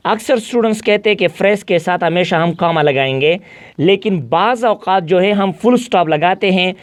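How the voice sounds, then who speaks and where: A man teaching an English grammar lesson in a mixed Hindi-Urdu and English speech. He reads his English examples out slowly and keeps checking back with the class. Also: sits high. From Pakistan. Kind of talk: classroom lecture.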